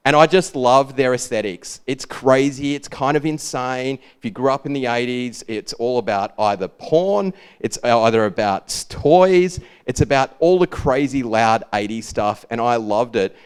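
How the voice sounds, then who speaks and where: A man's voice: medium pitch, lively intonation, moderate pace, few pauses, smooth. A man with an Australian accent and a lazy, laid-back drawl, giving an informal, rambling talk about his own work. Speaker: speaker presenting own brand work.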